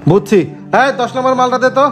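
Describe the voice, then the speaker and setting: A man's voice: very high-pitched, fairly even intonation, fairly bright tone, faint music behind. A man acting a dismissive salesman who brushes off a customer. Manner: dismissive, quick colloquial talk. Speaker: shop salesman in a skit. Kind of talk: amateur social drama acting.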